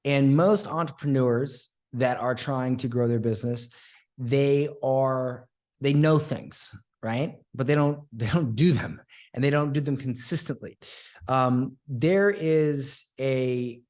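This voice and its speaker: A man's voice: medium pitch, slow pace, a little mellow. A man speaking as a podcast guest and sales coach in casual interview talk, earnest and repeating his points for emphasis.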